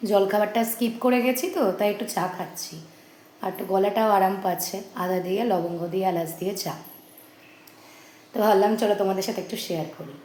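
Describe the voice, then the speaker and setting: A woman with a hoarse voice talks through her day in a casual home vlog, breaking off now and then to talk to her baby. Her voice sounds echoey, with a faint hiss in the background. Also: medium pitch, quick pace, a little mellow. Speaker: vlogger.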